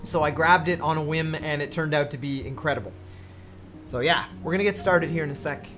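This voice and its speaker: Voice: medium pitch, fairly quick, music in the background. A game streamer giving casual let's-play commentary, chatty with frequent laughs and fillers.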